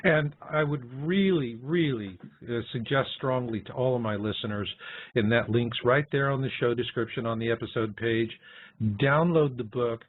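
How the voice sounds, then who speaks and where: A man's voice: mid-range voice, normal speed, slight background noise. A man hosting a radio talk show, explaining his points in a conversational way. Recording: tinny phone-like sound.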